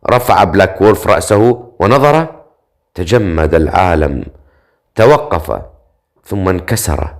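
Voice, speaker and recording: Deep-voiced male audiobook narrator. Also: animated, unhurried, long pauses. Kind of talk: reading a dark fantasy novel aloud.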